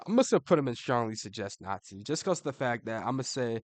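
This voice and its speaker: A man's voice: mid-range voice, sing-song, quick pace, no room sound. Slangy man in casual commentary. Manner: slangy and profane, says "bro" constantly; laughs between remarks. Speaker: online commentator ranking fighters.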